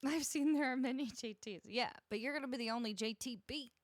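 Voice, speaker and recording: A woman music streamer with a fairly high voice chats fairly quickly with her live viewers, laughing often and greeting each by name. She's close on a studio broadcast microphone, with no room sound.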